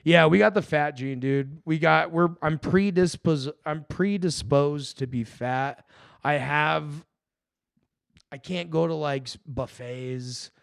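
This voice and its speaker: A young man co-hosting a podcast, a little tipsy and telling rambling, profane stories with laughter. His voice sits a bit high and has a gravelly edge. The sound is close and dry. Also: takes it slowly, no room sound. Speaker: podcast co-host. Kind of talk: casual chat.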